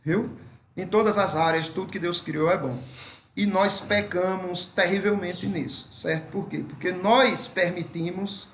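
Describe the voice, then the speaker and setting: A man with a Brazilian Portuguese accent, leading a church members' meeting in an unhurried way, often checking in with tag questions. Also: high-pitched, roomy sound, a little hiss or hum. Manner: unhurried, steady tag questions like "certo?" and "veja". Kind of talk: casual meeting talk and short exhortation.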